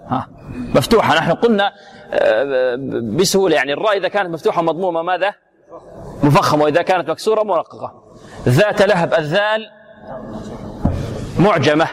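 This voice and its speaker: A man with a slightly raised pitch leads a recitation lesson. He stretches single letters and syllables, then questions his students on each rule. His delivery is patient and drilling. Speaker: Quran recitation teacher.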